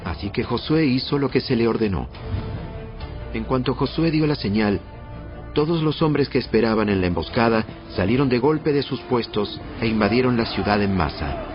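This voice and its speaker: Male narrator, low pitch, measured scripted Bible storytelling, slightly muffled recording. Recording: muffled band-limited audio. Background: prominent background music.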